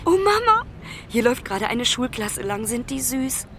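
A woman's voice: fairly high pitch, big pitch swings, moderate pace, fairly bright tone, slight background noise. An actress playing a lonely young woman who calls her mother from abroad, talking urgently and pleadingly. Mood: chatty. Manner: urgent, pleading phone talk. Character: lonely young woman traveller, anxious and affectionate. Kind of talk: radio play acting.

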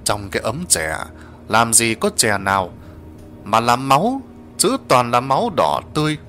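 A man narrating a horror story in a dramatic, expressive reading. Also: mid-range voice, moderate pace.

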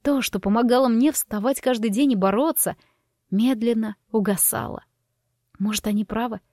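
A woman narrating a first-person audiobook in an expressive, emotional reading. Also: a little high, normal speed, no room sound, clean studio sound.

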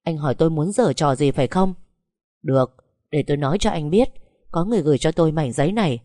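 A young wife who is hurt but defiant, and who turns to accusation, voiced by a woman. The voice is low and mellow, and the sound is dry. This is a storybook reading. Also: fast, no room sound, natural voice. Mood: distraught. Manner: pleading, accusing.

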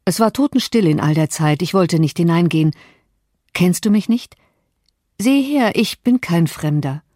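A woman reading the part of a brooding, dark returning man who gives urgent commands in an audiobook. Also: animated, normal speed, no room sound, studio quality. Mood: pressing. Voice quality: low voice with a foreign lilt. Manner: pressing, commanding.

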